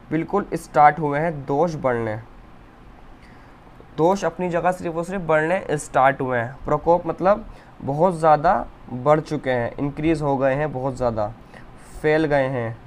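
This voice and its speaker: A man's voice: fairly high pitch, a little hiss or hum. A young man teaching an Ayurveda lesson, explaining step by step as he writes, often checking in with "okay". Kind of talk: whiteboard lecture.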